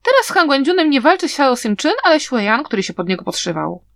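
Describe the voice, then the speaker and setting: A woman reading an audiobook, voicing a clever, playful young man who talks in a teasing, lively way. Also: high-pitched, brisk, no echo, voice pushed up, heavily acted.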